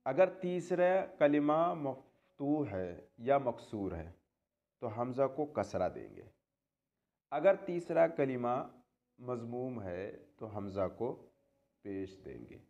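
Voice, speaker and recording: Male tajweed teacher, animated sing-song delivery, dull lo-fi recording. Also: mid-range voice, slow pace. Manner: asks rhetorical questions and answers them, repeats key terms. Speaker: Quran recitation teacher. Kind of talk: classroom-style lesson explaining tajweed rules.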